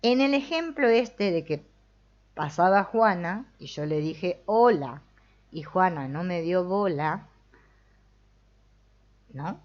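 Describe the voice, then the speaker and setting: A woman with a Rioplatense Argentine accent gives a relaxed spiritual talk, reading from a book, commenting playfully and acting out the restless mind. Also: lowish voice, takes it slowly, long pauses. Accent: Rioplatense Argentine Spanish. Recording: dull lo-fi recording.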